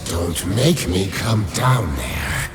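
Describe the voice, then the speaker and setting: Imperious undead lich, dark fantasy audio story: very low, swooping delivery, deliberate. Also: male voice, very animated, heavily acted. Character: commanding undead male lich speaking inside a mind. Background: music.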